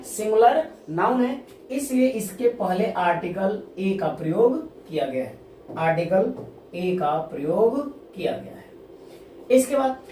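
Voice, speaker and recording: A woman teacher giving a classroom-style grammar lesson, asking questions and answering them herself, repeating key terms and reading example sentences slowly. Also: mid-range voice, darkish tone. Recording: echoey room, distant mic, faint noise.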